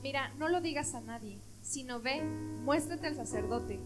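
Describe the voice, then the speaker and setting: A woman reading scripture aloud in a steady, measured way. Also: high-pitched. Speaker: scripture reader. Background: loud instrumental music.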